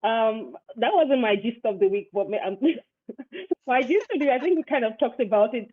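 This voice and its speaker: A woman's voice: a little high, expressive, moderate pace. Chatty woman host over a tinny line. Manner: chatty, warm storytelling with laughs. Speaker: podcast host. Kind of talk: casual chat.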